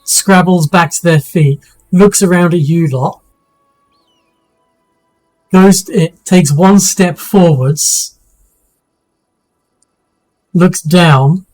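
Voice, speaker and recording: A man narrating a tabletop game as game master, his overly loud home mic clipping and distorting. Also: high voice, soft background music. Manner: halting, full of restarts and fillers.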